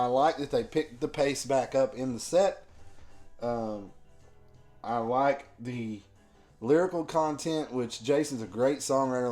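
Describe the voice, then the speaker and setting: A man with a sore, rough throat giving a casual album review, slow and loose with lots of ums. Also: medium pitch, a little mellow. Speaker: music reviewer.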